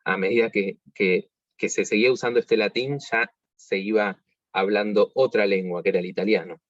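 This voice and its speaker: A man with an Argentine accent teaching an online music workshop, explaining slowly with many fillers and restarts. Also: fairly low pitch, steady tone, dry recording, lo-fi sound. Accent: Argentine Spanish.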